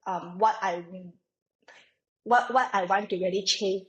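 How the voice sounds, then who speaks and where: Speaking a little slowly in a mid-range voice, a young woman from Malaysia joins a podcast as a guest. Her talk is thoughtful and informal, wandering from point to point with lots of fillers, in the style of a casual conversational interview.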